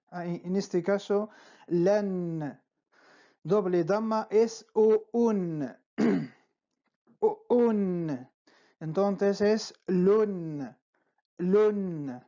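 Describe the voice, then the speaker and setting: A patient teacher talks at a very slow pace, stretching out each syllable. The tone is dark and mellow, and the recording sounds dull and lo-fi. Each word is repeated several times, with frequent checks of "¿vale?". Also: mid-range voice. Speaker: Arabic teacher. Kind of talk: slow spelling-out lesson.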